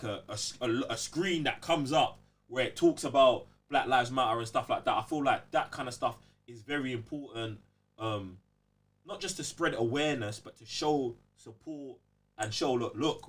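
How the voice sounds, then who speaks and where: This young podcast host has a London accent and a medium-pitched voice at a moderate pace. He speaks emphatically with slang, frequently dropping check-in tags to confirm he's being followed. He is recorded far from the microphone.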